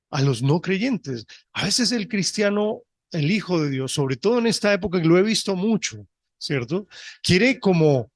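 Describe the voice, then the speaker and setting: A male pastor preaching a sermon, reading scripture deliberately and often checking in with his listeners. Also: a little high, no room sound. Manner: reads scripture slowly and deliberately.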